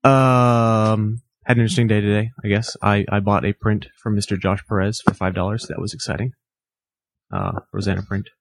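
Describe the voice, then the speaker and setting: A man's voice: fairly low pitch, steady tone, moderate pace, vocal fry. A man on a casual podcast panel, speaking hesitantly in a dry, understated way. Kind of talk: casual chat.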